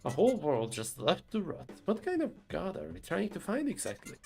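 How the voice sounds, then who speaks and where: A man's voice: high voice, wildly swooping pitch, moderate pace, creaky, mellow, faint music behind, pitched above the performer's own voice, heavily acted. A man voicing a grumpy, sarcastic train conductor companion in a game, grumbling as he speaks.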